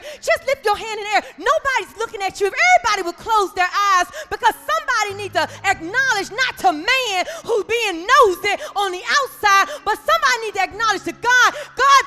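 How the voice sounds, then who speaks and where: A woman in her forties preaching a sermon. She delivers it with passion and leads the congregation in call and response, often building up to shouts. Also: very high-pitched, long reverb tail. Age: 40s.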